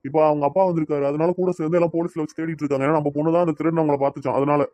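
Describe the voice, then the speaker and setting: A man's voice: on the high side, flat delivery, racing, warm tone, no echo, muffled recording, natural voice. A man acting as a father who brushes off his wife's worries, speaking brusquely in an amateur family web drama. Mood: explaining. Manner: brusque, dismissive then explaining. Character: calm father hiding daughter's whereabouts.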